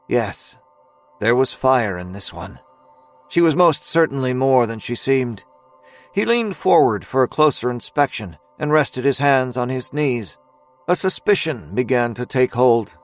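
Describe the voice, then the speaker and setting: A man tells a scripted dramatic story as its narrator, keeping a measured, suspenseful pace. His mid-range voice is expressive and lightly acted, with soft music playing behind him.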